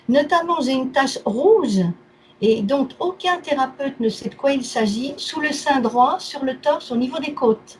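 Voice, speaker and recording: A woman with a high-sitting voice speaks unhurriedly over poor audio, faint noise behind her. In a casual consultation as a therapy client, she goes through her health complaints item by item using brief, clipped phrases.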